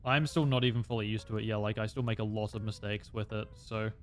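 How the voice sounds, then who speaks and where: A man's voice: fairly low pitch, fairly even intonation, fast. A young man streaming a flight game, chatting casually and explaining tactics with lots of fillers. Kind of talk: casual gameplay commentary.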